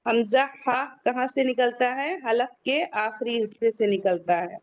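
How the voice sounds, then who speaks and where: A woman's voice: fairly high pitch, steady tone. A woman teaching an online recitation class, patiently repeating key points for her students to memorize over a video call. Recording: dull lo-fi online call audio.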